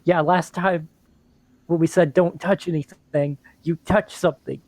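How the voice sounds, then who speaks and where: A man playing a tabletop game over an online call, his audio breaking up and dropping out, loudly insisting on a warning to another player. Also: a little high, fairly even intonation, unhurried. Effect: choppy online call audio, voice breaking up.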